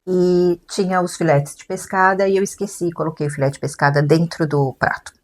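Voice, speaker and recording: Woman, podcast co-host, animated storyteller doing the voices of her family. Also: on the low side, a little fast. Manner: animated storyteller who acts out family dialogue. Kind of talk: casual conversation. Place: lives in Portugal.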